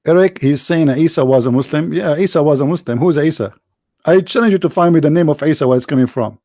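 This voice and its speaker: A man hosting a live online debate, his speaking voice sitting a little higher than most men's. He tells scornful anecdotes in broken, non-native English, in a dry, close recording with no room sound. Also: quick pace, dark tone, dry recording. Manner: mocking, anecdotal storytelling. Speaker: livestream debate host.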